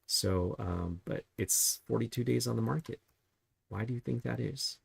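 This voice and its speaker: A real estate agent with a gravelly, mid-range voice and a breathy edge chats casually while browsing property listings for a market review. He speaks at normal speed with no echo, throwing out rhetorical questions as he goes.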